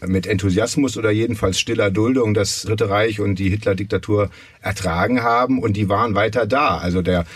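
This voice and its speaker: A man speaking as a guest historian in a panel discussion, measured and academic, pausing often with hesitations. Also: on the low side, slightly rough, no echo, far from the mic.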